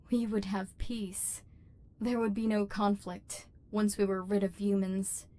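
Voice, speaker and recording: In a scripted ASMR roleplay, a woman with a dark, mid-range voice close to her everyday one plays an embittered, lonely robot overlord. Her delivery is cold and guarded, with formal, precise, stilted diction, and hurt tenderness shows through underneath.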